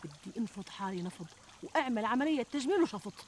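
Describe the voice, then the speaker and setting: An actress playing a plump, middle-aged Syrian housewife who complains expressively and plaintively in a TV comedy. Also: female voice, on the high side, sing-song, quick pace, darkish tone, faint music behind. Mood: exasperated, insistent. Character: plump, fretful, self-deprecating housewife and mother. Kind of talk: conversational TV comedy sketch acting. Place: outdoors in a garden. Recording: outdoor ambience, trickling water noise.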